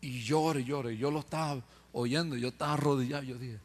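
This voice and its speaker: A man's voice: medium pitch, steady tone, quick pace, slight background noise. A man preacher telling his testimony with humor, acting out other people's voices and laughing at himself. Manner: acts out quoted voices, jokes and laughs at himself.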